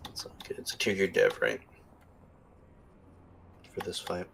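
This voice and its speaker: A man's voice: sits low, level tone, measured pace, gravelly, fairly bright tone, a little hiss or hum. A man making casual calls to his team over gaming voice chat. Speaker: raid player giving calls.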